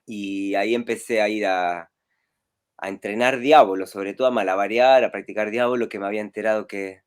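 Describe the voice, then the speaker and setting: This adult man, a street clown from Rosario, Argentina, joins a video call as a guest and talks casually, rambling and relaxed with frequent chuckles. He speaks at a moderate pace with a fairly low pitch and a clear, resonant tone.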